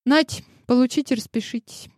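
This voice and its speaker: A woman's voice: on the high side, lively intonation, unhurried, a little mellow, dry recording, studio quality, pitched above the performer's own voice. A woman reading an audiobook and voicing a brash, sarcastic secretary in her forties with a cheeky, theatrical manner.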